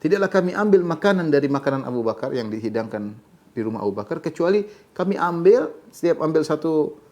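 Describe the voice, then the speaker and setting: A middle-aged Islamic teacher gives a religious lecture, reciting short Arabic passages and then explaining them in an animated storytelling way. His voice is a little high, and he talks fast.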